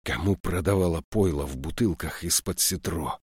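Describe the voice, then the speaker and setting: A man voicing a tense police officer who speaks in a hoarse, commanding, menacing way. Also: low-pitched, normal speed, darkish tone, no echo, studio quality. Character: tense, hard-edged postwar police officer.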